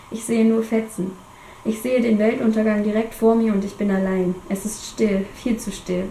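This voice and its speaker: A woman reading her own novel aloud in the first person, still getting over a cold, dropping to a hush in the tense moments. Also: fairly high pitch, roomy sound, slight background noise, poor audio. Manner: reads dramatically, drops to a hush in tense moments. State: has a cold.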